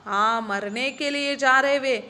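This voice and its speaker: A woman's voice: sits high, unhurried, pushed and bright, in a large hall. A woman teacher, telling children a story and asking them questions. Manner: explains and asks the children questions.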